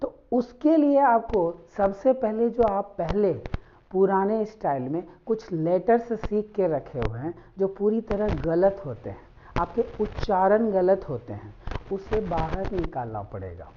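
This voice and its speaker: A woman teaching English phonics in a slow, drawn-out teaching tone. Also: medium pitch, expressive, slight background noise. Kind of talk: phonics lesson. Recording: dull lo-fi recording.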